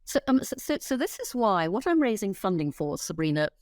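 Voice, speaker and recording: Woman, middle-aged, interview guest, emphatic, blunt, lively pitch, dry sound. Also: no room sound. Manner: emphatic, fast pitch with repeated restarts; blunt, swears freely. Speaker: interview guest, company founder. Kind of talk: animated interview talk.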